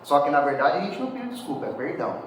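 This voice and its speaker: A man delivers a sermon in a casual, conversational way, often tagging his sentences with quick questions. He stands some way from the mic in a church hall full of heavy reverb. A faint background hiss sits under his voice. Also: on the high side, big pitch swings. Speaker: preacher. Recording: very echoey hall, speaker far from mic.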